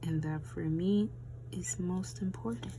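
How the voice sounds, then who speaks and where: A woman's voice: on the low side, unhurried, noisy background. A woman in her twenties chatting casually while swatching nail gels, with a tired voice and a rambling, chatty way of talking. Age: 20s. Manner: chatty, rambling, says "y'all". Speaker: beauty vlogger.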